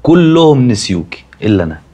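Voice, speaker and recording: Teasing Egyptian older brother, young man, fast talker, mid pitch. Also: very animated, warm tone. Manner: joking, playful scolding. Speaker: actor. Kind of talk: TV drama acting.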